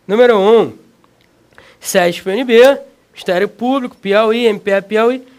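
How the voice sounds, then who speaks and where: Speaking in a high-sitting voice, a Brazilian Portuguese–accented man leads a lively exam-prep video lesson, addressing the student directly with slang and emphasis.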